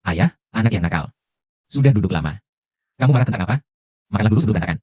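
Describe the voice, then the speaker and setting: A man's voice: on the low side, animated, very fast, a little mellow, dry recording, clean studio sound. A man dubbing a worried adult son in a TV drama, coaxing his father in a soothing manner. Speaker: dubbed drama character. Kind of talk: dubbed TV drama acting.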